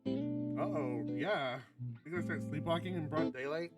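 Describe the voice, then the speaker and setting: While streaming a visual novel, a man with a slightly high voice and lively intonation reads the narration at normal speed. He makes casual side comments and sometimes stumbles and corrects himself. Prominent, loud plucked-guitar game music plays in the background.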